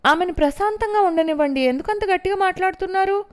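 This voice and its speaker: A woman's voice: extremely high pitch, fast talker, pitched above the performer's own voice. A woman reading an audiobook, voicing a stern woman caretaker at a hospital who firmly warns a visitor to leave. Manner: firm, warning, formal.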